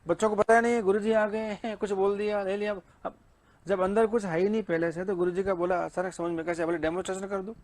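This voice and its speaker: A man's voice: sits high, little pitch movement, quick pace, darkish tone. A male teacher giving an exam-prep lecture, asking and answering his own questions and reading English lines in a Hindi accent.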